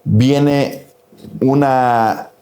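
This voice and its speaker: A man's voice: mid-range voice, steady tone, extremely slow, warm tone, roomy sound. A middle-aged Mexican man with a Mexican Spanish accent, giving an earnest personal faith testimony and acting out the dialogue as he tells it.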